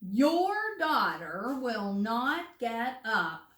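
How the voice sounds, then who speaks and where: A woman's voice: a little high, very animated, very slow, a bit bright, exaggerated voice. A woman doing a stern storybook father. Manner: stern and firm. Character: stern father of a sleepy girl. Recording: roomy room, distant mic.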